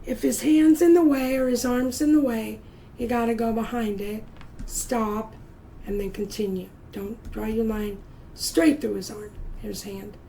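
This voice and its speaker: A woman's voice: a little high, steady tone, unhurried, gravelly, warm tone, a little hiss or hum, rough recording. A middle-aged woman giving a patient, encouraging step-by-step drawing lesson to children, counting aloud and sometimes dropping to a whisper. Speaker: art teacher.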